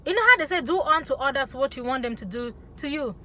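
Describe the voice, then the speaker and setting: A woman's voice: sits high, animated, quick pace, pushed and bright, a little hiss or hum. A woman from Africa talking passionately to camera, emphatic and punctuating her points with "okay?". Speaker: vlogger. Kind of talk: opinionated talk to camera.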